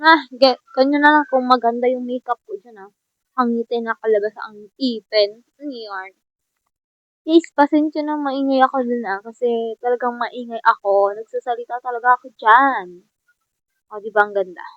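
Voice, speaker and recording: A woman's voice: a little high, normal speed, dry recording. A young woman chatting casually and teasingly to viewers while playing a game. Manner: chatty, teasing, talks to herself and viewers, laughs often. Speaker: gaming vlogger. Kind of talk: casual gameplay commentary. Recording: dull lo-fi sound.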